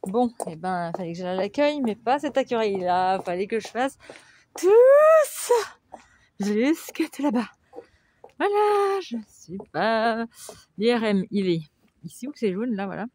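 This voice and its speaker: A woman's voice: mid-range voice, lively intonation, measured pace, darkish tone, a little hiss or hum. A woman vlogging outdoors, exasperated and ranting with hesitations. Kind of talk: casual vlog. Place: outdoors, parking lot and hospital grounds.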